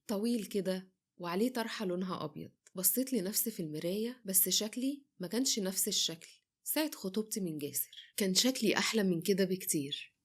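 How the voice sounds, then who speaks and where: A woman's voice: mid-range voice, a little mellow, slightly rough. A woman with an Egyptian accent narrating a dramatic first-person story, voicing both herself and the other people in it. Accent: Egyptian Arabic. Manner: quick, breathless retelling that voices both sides of the dialogue.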